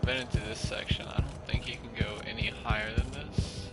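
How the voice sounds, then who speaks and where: A man's voice: medium pitch, fairly even intonation, fairly quick. A man giving casual gameplay commentary, muttering to himself in a self-deprecating way. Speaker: gamer, let's-play host. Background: game music.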